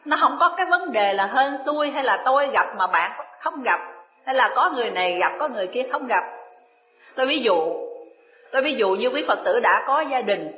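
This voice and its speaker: A woman's voice: fairly high pitch, expressive, a little fast. A Buddhist woman teacher, giving a dharma talk in a chatty storytelling manner. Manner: chatty storytelling, laughs often. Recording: echoey room, dull lo-fi sound.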